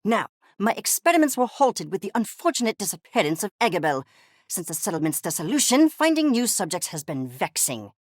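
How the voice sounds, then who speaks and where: A woman with a medium-pitched, very animated voice talks a little fast, acting the part of a haughty, eccentric furry scientist in a video game. Commanding and eager, she speaks verbosely and theatrically, condescending yet precisely articulated. Studio quality, with no room sound.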